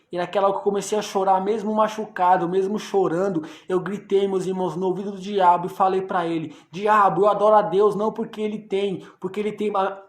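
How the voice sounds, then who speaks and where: Young man, fervent testimony speaker, high voice, roomy echo. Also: a little mellow. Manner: fervent, repeats "my brothers" constantly. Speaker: testifying former drug dealer, evangelical. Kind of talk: emotional testimony livestream. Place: room at home. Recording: echoey room.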